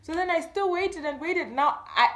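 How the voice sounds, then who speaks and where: A very high, fairly bright voice at a moderate pace belongs to a young woman with a Malawian accent telling a story on YouTube. She keeps it chatty and acts out the conversations vividly, and the recording echoes.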